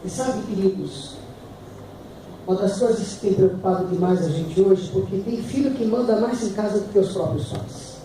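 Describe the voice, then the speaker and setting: Fervent Brazilian pastor in echoey hall. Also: male voice, sits high, normal speed. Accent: Brazilian Portuguese. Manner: fervent preacher, builds to loud emphatic peaks. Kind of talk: sermon. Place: church hall. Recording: echoey hall, distant mic, noisy.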